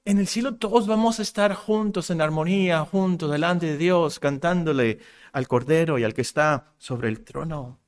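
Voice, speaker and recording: A man preaching a sermon in earnest, rising and getting louder on key points. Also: fairly high pitch, normal speed. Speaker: pastor.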